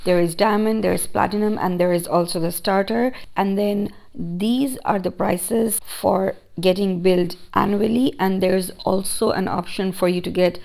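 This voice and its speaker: Woman, tutorial host, very gravelly, scratchy from illness, upbeat and instructive. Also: mid-range voice, fairly even intonation, normal speed, hardly any pauses, darkish tone. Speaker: online business educator. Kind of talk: software tutorial.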